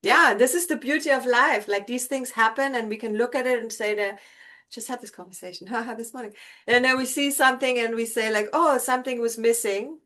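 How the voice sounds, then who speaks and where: A woman's voice: on the high side, a little fast, sharp tone. A woman co-hosting an interview, talking in a reassuring, philosophical way about learning from mistakes. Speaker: co-host. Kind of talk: conversational interview talk.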